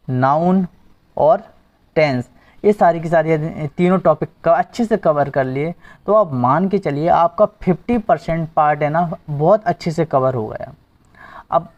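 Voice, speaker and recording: A man's voice: a little high, darkish tone. Man, teacher, grammar lesson, quizzing and repeating, lo-fi muffled sound. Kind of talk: exam-prep grammar lesson. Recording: dull lo-fi recording.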